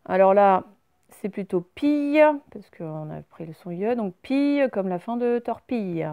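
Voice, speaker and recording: A woman's voice: medium pitch, no echo, phone-quality sound. Patient teacher woman, dry sound. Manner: slow, clear, explains each word step by step. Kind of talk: recorded reading lesson for young children.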